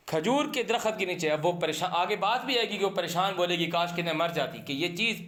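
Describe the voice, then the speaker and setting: A man's voice: sits high, fairly bright tone. A man teaching a word-by-word Quran translation lesson, reciting each Arabic phrase and then explaining it in Urdu. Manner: questions and comments on printed translations.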